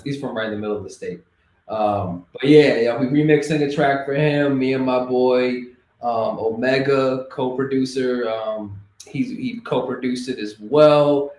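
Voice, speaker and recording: A man's voice: mid-range voice, darkish tone, a little hiss or hum. Young man, Boston accent, laid-back podcast chat, roomy echo. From Boston area. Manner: laid-back, lots of fillers. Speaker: podcast co-host and hip hop producer.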